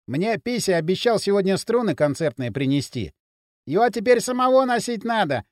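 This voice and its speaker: A man voicing an excitable young lad telling a story in a lively rush. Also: high-pitched, normal speed, no room sound, studio quality. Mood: animated.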